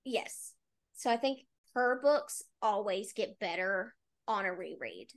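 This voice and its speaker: A woman's voice: medium pitch, expressive, slow pace. A woman co-hosting a book podcast, chatting casually about a novel and often dropping "like" as she talks. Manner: chatty, with frequent "like" fillers.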